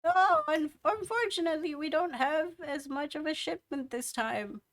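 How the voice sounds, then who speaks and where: A woman's voice: sits high, normal speed, voice pushed up, close to an everyday voice. A woman voicing a kindly, weary very old woman in a tabletop game. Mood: resigned. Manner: cheerful, welcoming, resigned.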